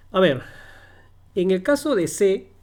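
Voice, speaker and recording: A man teaching a grammar lesson one on one over a call, speaking slowly and patiently, repeating his examples and checking that his listener understands. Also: high voice, very animated, a little mellow.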